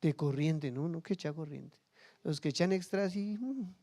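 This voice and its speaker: A man's voice: on the high side, normal speed, warm tone. A man preaching a sermon as pastor, humorous and acting out everyday scenes in little quoted voices.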